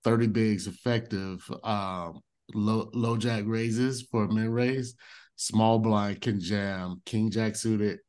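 A man's voice: fairly low pitch, steady tone, takes it slowly, a little mellow. A man on a podcast explaining strategy methodically, reading out details step by step. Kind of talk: casual strategy discussion.

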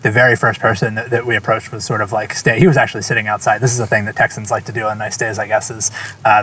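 A man casually telling a story about canvassing door to door, halting with many restarts and fillers. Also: fairly low pitch, a bit bright, slight background noise. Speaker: campaign volunteer.

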